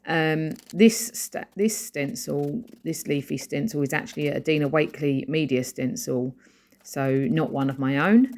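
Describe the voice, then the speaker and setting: Female craft creator, low-pitched voice, easygoing voice-over that walks through her supplies and offers tips. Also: unhurried, darkish tone. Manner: chatty, explains her supplies and gives practical tips. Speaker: art journaling creator. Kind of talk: casual voice-over narration of a craft process video.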